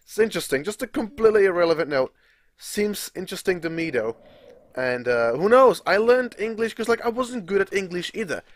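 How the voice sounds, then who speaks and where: Brisk and sing-song, a young Czech game commentator talks in a high-pitched voice with no room sound. He rambles casually in his Czech accent, sometimes restarting sentences and swearing now and then.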